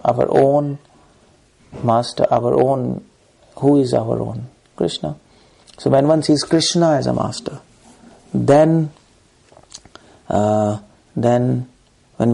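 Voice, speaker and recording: With a dark, medium-pitched voice marked by vocal fry, a man with an Indian accent preaches from scripture. He recites verses and presses his points emphatically through short, repetitive phrases.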